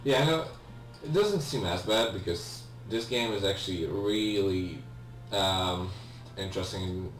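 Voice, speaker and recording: In this let's play, a young man speaks in a low, slightly slow voice with few pauses, his Polish accent showing since Polish is his native language. He comments on his game casually but hesitantly, apologizing and filling in with ums and restarts. Faint music plays, and the distant mic picks up an echoey room and a faint hum.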